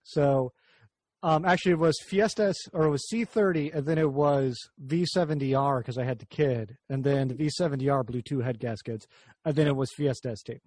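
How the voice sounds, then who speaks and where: A man's voice: medium pitch, fairly quick, a little mellow, no echo. Rambling jokey male car-talk host. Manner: rambling, jokey, self-interrupting. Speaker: podcast host. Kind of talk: casual car chat.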